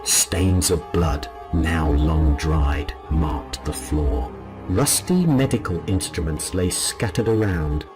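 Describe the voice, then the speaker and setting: A man narrating a scripted scary story as a storyteller, in a low, haunting and ominous delivery. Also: slow pace. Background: music behind the voice.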